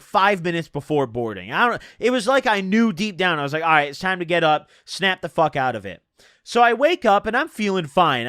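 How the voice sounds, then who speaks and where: Animated young stoner guy, high-pitched voice. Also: no echo, studio quality. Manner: animated, swinging emphasis. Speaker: storyteller. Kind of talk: casual personal storytelling.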